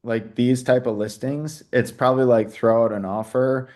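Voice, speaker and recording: A man's voice: mid-range voice, steady tone, normal speed, a little mellow. Chatty man hosting a live call. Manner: casual, chatty, plays sellers' lines in quotes, many "you know"s. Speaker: host.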